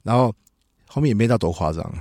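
Fast-talking Taiwanese man telling stories. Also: fairly low pitch, no room sound, clean studio sound. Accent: Taiwanese Mandarin. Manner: animated, laughing storyteller who acts out quotes. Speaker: podcast host. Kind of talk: casual storytelling chat. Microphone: studio microphone.

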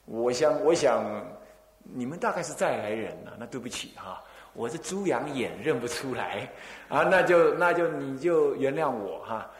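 A man from Taiwan, the abbot of a temple, giving a Buddhist dharma talk in a lively storytelling way, full of rhetorical questions and little chuckles. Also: mid-range voice, normal speed. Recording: echoey hall.

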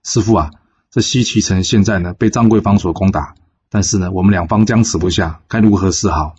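A man's voice: sits low, brisk, darkish tone, slightly rough, highs cut off. A man voicing a weary male strategist who grumbles reluctantly, in a told folk story. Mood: worried. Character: weary male strategist, hesitant and put-upon.

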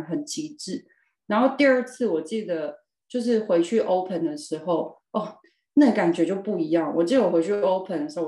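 Guest, woman, 40s; mellow, expressive storyteller, echoey room. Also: lowish voice. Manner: expressive, lively storytelling with laughs and emphatic repeats. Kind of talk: personal storytelling in a podcast interview. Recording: roomy echo.

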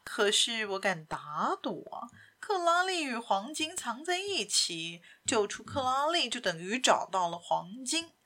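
A woman voicing a suave gentleman thief in a storybook reading, speaking with cool sarcasm. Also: a little high, big pitch swings, slow, full character voice. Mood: mocking. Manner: sarcastic, coolly teasing. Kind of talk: audiobook character voice.

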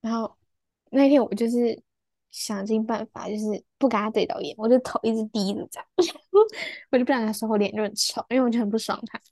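A young woman, a student, chatting casually on a podcast and telling a story with quick laughs, acting out the lines people said. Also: a little high, darkish tone, no room sound. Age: young adult.

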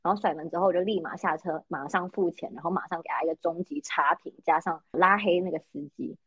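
A woman's voice: on the low side, fast, husky, no echo, rough recording. A woman with a Taiwanese Mandarin accent, a podcast co-host chatting casually and telling blunt, swearing stories. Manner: animated storyteller, blunt and swearing. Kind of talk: casual chat.

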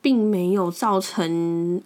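A woman's voice: on the low side, takes it slowly, a little mellow, slight background noise. Blunt young Taiwanese woman podcasting. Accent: Taiwanese Mandarin. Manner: blunt and frank, repeats words as she restarts. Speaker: podcast host. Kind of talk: casual storytelling monologue.

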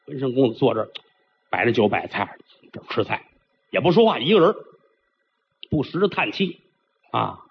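Animated storyteller man. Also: mid-range voice, normal speed, gravelly, long pauses, breathy edge. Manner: animated, theatrical, chatty asides. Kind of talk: traditional pingshu storytelling. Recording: dull lo-fi recording.

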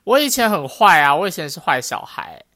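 A woman co-hosts a casual podcast, telling a story with many restarts. Her voice sits a little low and swings widely in pitch. Her tone is bright. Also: a little fast. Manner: animated storytelling with frequent restarts. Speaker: podcast co-host. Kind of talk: casual chat.

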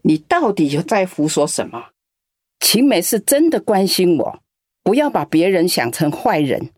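This woman's lowish, slightly mellow voice swings widely in pitch at a measured pace as she portrays an elderly, lonely grandmother in a radio drama. Affectionate and sighing with the young, she becomes aggrieved and scolding with her grown daughter. It's a studio-quality recording with no echo.

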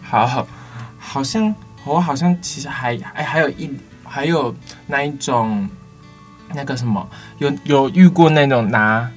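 A man's voice: mid-range voice, measured pace, faint music behind. A young man with a Taiwanese Mandarin accent, co-hosting a campus radio show and telling stories by acting out the customers. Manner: animated storytelling, acting out customers. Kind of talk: casual chat.

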